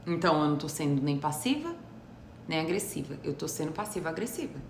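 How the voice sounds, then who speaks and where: A woman psychologist with a Brazilian Portuguese accent gives a live explanatory talk, teacherly and often checking that listeners follow. Her voice is deep, sing-song, brisk and creaky, and the recording has a roomy echo with faint noise.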